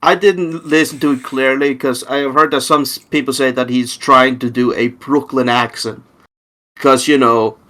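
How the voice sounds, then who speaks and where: A man's voice: mid-range voice, steady tone, moderate pace, pushed and bright. Hesitant male podcast guest. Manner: hesitant, restarts and qualifies often. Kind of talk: casual chat.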